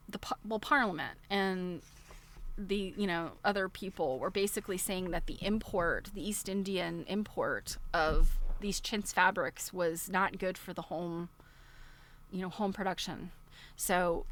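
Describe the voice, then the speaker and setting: A woman with a lowish, slightly bright voice hosts a casual livestream, reading from a book aloud. She keeps wandering off into chatty, digressive commentary and often breaks into chuckles.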